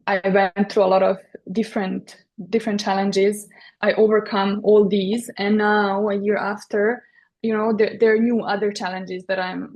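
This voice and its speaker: Serbian-accented woman, flat-voiced and hesitant. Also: medium pitch. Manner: hesitant, many fillers and restarts. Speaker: guest, interior designer. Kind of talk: podcast interview.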